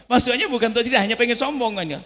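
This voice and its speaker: A man's voice: very high-pitched, racing, pushed and bright. A middle-aged male preacher giving an impassioned sermon, his voice surging upward into emotional pleas. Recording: long reverb of a large hall.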